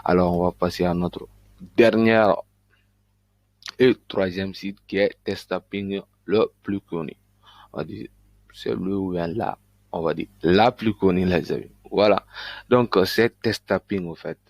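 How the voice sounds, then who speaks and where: A man giving a casual screen-recording tutorial on earning money online, talking in a loose, halting way with frequent fillers. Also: deep voice, fairly even intonation, creaky, a little mellow, no echo. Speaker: online business YouTuber.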